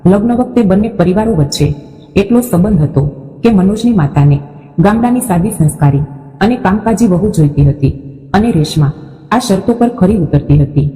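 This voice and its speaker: A woman's voice: mid-range voice, mellow. Woman narrating a story with long reverb.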